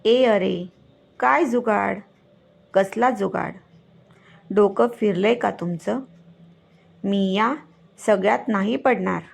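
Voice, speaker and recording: Brief: a riled-up young man, read by a woman narrator, slow and gravelly. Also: mid-range voice, slight background noise. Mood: indignant. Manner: indignant outbursts. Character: young man, newly employed, upright and easily riled.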